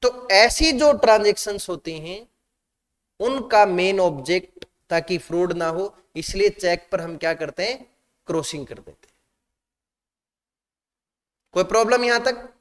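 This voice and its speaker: A man's voice: high voice, expressive, a little slow, long pauses, fairly bright tone, long reverb tail. A man teaching a class, asking students questions and mixing Hindi with English terms. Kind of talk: classroom lecture.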